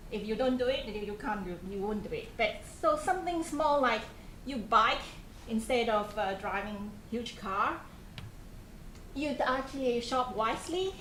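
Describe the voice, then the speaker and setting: Her voice on the high side, a Malaysian-accented woman in her thirties talks informally to students as their programme coordinator. She questions the audience, chats conversationally, and frequently restarts with fillers. Faint noise sits in the background of an echoey room.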